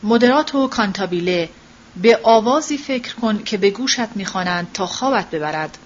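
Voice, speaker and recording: A woman's voice: mid-range voice, animated, close to an everyday voice. A strict older piano teacher speaks in a reproachful, commanding way, as a woman narrator reads her part. The audiobook audio is slightly muffled, with a faint hiss. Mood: stern.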